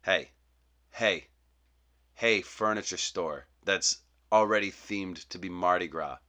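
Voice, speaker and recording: A man with a very low, deep voice and a bright, forceful edge, telling a rambling comic monologue. He keeps interrupting himself and works himself into mock-indignant outbursts. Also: slow. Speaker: comedian host. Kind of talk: comedic monologue.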